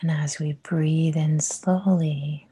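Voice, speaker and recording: A woman whispering a guided meditation, soft and soothing with long pauses. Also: sits low, fairly even intonation, husky, dry recording.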